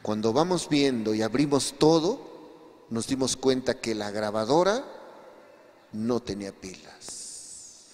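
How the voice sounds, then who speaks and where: A male pastor preaching a sermon, telling a testimony with emphatic swings between quiet and raised passages. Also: mid-range voice, animated, slow, pauses often. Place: church hall. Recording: long hall reverb.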